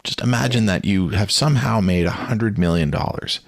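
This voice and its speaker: A man hosting a podcast, with a very low voice and a gravelly fry. He talks earnestly, stacking up rhetorical questions, and the recording is dry and close. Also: moderate pace, dry recording. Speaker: podcast host. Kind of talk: conversational podcast interview.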